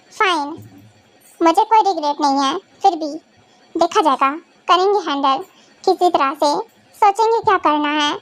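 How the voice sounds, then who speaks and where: A sulky young surgeon husband, played by a woman, complains in a whiny, self-pitying way in a hobby audio drama. The voice sits very high and sounds dry and close to the mic. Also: no echo.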